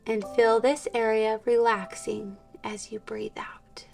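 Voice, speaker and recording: Soft slow woman guiding meditation. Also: fairly high pitch, little pitch movement, vocal fry. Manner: slow, soft, soothing, drifting into whispers. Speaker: meditation guide. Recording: distant mic with soft instrumental music.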